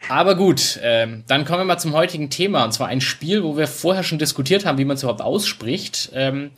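A man's voice: a little high, lively intonation, brisk, fairly bright tone, husky. A man hosting a casual gaming podcast, chatting in an easygoing way with many fillers and restarts. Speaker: podcast host.

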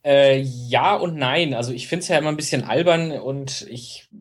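A man's voice: mid-range voice, normal speed, slightly rough. A man co-hosting a podcast, giving opinions in casual chat. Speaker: podcast co-host.

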